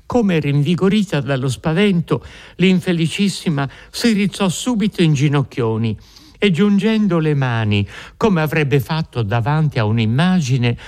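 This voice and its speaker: A man narrating a classic novel as an audiobook in a measured, expressive way. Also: fairly high pitch. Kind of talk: literary audiobook reading.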